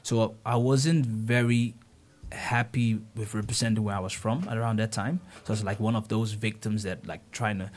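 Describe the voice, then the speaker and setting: A young man from the Netherlands, a guest talking casually in an interview, relaxed and hesitant with frequent restarts. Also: fairly low pitch, moderate pace.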